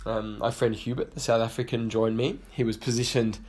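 A man giving a casual recorded update as a guest, halting and full of fillers. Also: medium pitch, steady tone, darkish tone, breathy edge. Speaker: guest contributor.

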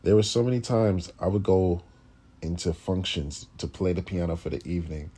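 A low-voiced man tells his story as a classical pianist, blunt and profane. His voice sits deep and has a husky edge. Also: moderate pace. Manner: blunt and profane, with animated impressions of others. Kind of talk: casual storytelling.

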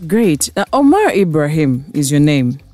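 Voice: medium pitch, very animated, normal speed, dark tone, no echo, soft background music. An interview host who asks curious, probing questions and gives short replies while the guest talks. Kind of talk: casual interview.

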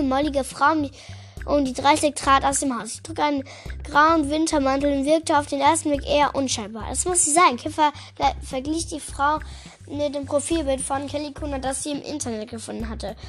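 High-pitched woman reading a kids' detective book out loud, trips over words, faint music in the background. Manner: halting, with frequent restarts on words. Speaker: reader.

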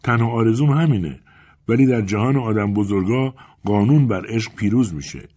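A man voicing a grieving, fiery elderly woman in an audiobook, with a husky voice and heartfelt, pleading delivery. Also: lowish voice, dark tone, voice pushed up, natural voice.

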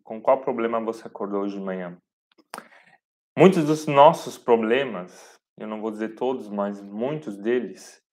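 Earnest Brazilian man hosting a devotional live. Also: mid-range voice. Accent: Brazilian Portuguese. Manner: earnest, speaks straight to viewers with slow emphatic phrasing. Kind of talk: live-streamed devotional talk.

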